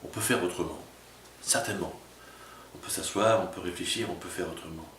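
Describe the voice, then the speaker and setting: A pastor speaks to small groups in an informal sermon style, often checking in with the listener. His voice sits low and reaches the mic from across an echoey room. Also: fairly quick, a bit bright, a little hiss or hum. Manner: informal, addresses listener as tu, frequent "tu vois". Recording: roomy echo from a distance with faint ambience.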